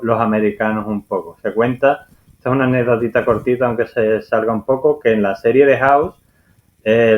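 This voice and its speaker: Man, lively anecdotes, mid-pitched, slightly muffled mic. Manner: lively storyteller, acts out quotes. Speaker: film podcast co-host. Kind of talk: casual film discussion.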